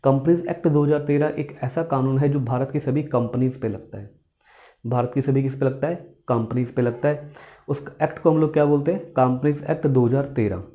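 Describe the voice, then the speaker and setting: Teaching accountancy lecture-style in a classroom, this man speaks fairly quickly with a medium-pitched, dark voice and fairly even intonation, on lo-fi audio. He explains by posing questions and repeating key points, calls his students "beta," and blends Hindi with English terms.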